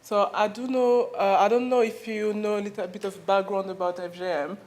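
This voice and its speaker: A woman from Mali with a French accent gives an earnest conference presentation, pausing often as she searches for her words. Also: medium pitch, flat delivery, a little mellow. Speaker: conference speaker. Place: university conference room.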